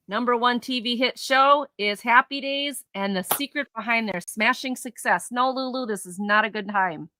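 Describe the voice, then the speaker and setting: A woman's voice: fairly high pitch, bright, forceful tone, no room sound. A woman co-hosting a live vintage sale stream, chatting casually and reading old tabloid headlines aloud.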